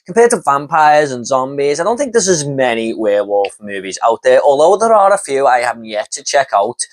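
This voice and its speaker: A man's voice: medium pitch, big pitch swings, a little fast. A man giving a casual, enthusiastic spoken review of horror films, rambling with lots of fillers and repeating words as he starts a thought. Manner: enthusiastic, rambling, with many fillers like "you know" and "and everything".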